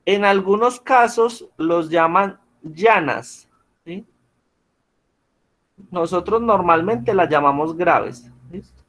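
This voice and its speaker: Male teacher, slightly high voice, patient and questioning, heard over a video call. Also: slow pace, long pauses, fairly bright tone. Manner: patient, checks in with frequent questions. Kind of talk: online class lesson.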